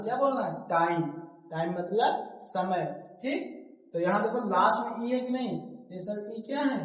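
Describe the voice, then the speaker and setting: A male teacher with a fairly high voice runs a lesson, posing a question and then answering it himself. He repeats each word and its meaning patiently. The sound rings off the walls of an echoey room. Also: darkish tone. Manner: asks questions and answers them himself, repeats words slowly. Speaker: English teacher. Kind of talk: classroom-style lesson explaining word meanings.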